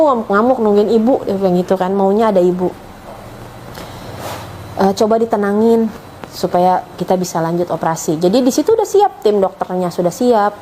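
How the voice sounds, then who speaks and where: Earnest middle-aged woman with a mellow voice. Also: medium pitch, slight background noise, rough recording. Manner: earnest, emotional storytelling with religious phrases. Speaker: convert mother telling her story. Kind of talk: personal testimony.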